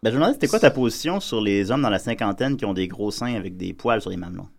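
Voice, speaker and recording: A man's voice: lowish voice, lively intonation, racing, creaky. A man, hosting a podcast and asking joking, teasing questions in casual conversation. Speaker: podcast host.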